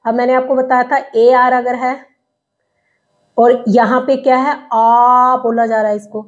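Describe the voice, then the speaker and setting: Slow, higher-voiced woman teaching phonetics. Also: level tone. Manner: sounds out words slowly, syllable by syllable. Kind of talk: slow classroom explanation. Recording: dull lo-fi recording.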